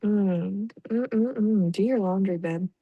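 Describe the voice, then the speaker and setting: A woman's voice: medium pitch, a little slow, husky, dry recording, narrow, tinny audio. A young woman giving casual let's-play commentary, chatty and reacting aloud with laughs and groans. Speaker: gaming YouTuber.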